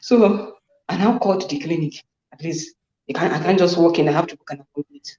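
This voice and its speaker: A woman caller from Nigeria talking on speakerphone from work, telling her story in a halting, hesitant way. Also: fairly low pitch, warm tone. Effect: on speakerphone, echoing. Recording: echoey, muffled phone line.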